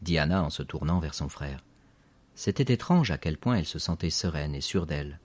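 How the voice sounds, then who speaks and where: Very deep husky male narrator. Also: fairly quick. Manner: expressive storytelling, lively emphasis. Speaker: audiobook narrator. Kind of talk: scripted story narration.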